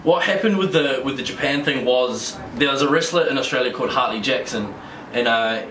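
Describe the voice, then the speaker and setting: A young man with a New Zealand accent, appearing as a guest wrestler, chats casually in a mid-range, fairly bright voice at a fairly quick clip. He laughs readily and rambles with frequent restarts, while the echoey room, distant mic, and faint noise color the sound.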